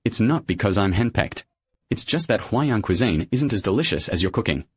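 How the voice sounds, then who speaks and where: A man's voice: on the low side, very animated, a little fast, slightly rough, no room sound. A man dubbing a reserved, devoted husband in a period drama, with an understated, earnest manner. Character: reserved, devoted husband, a ledger-keeping manager. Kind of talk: English dub of a period drama.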